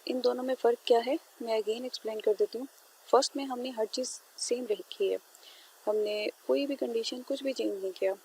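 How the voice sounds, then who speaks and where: A woman teaching a lesson, explaining slowly and step by step, often pausing with fillers and checking "theek hai". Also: fairly high pitch, a little mellow, slight background noise, poor audio. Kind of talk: classroom lecture.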